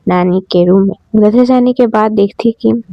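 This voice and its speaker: A woman's voice: mid-range voice, moderate pace, no room sound, lo-fi sound. A woman casually narrating a romance audio story, chatty and speaking to her listeners. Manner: chatty, addresses listeners directly.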